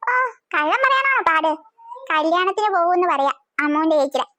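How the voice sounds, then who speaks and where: A woman voicing a sly teenage girl, a bossy elder sister who talks in a hushed, secretive way in a cartoon. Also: very high voice, sing-song, brisk, no echo, exaggerated voice. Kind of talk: cartoon voice acting.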